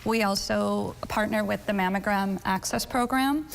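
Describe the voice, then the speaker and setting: Upbeat proud woman, slight fry, long room reverb, faint background noise. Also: medium pitch, normal speed. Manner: upbeat, proud, with fillers and light laughs. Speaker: medical school leader interviewed as guest. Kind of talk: casual interview answers. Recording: roomy hall echo, faint background noise.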